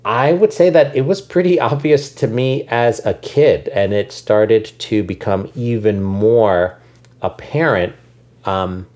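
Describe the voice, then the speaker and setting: Slow and a little mellow, this American man's voice sits on the low side. He's being interviewed conversationally as an education nonprofit leader, thinking aloud with frequent ums and sentence restarts.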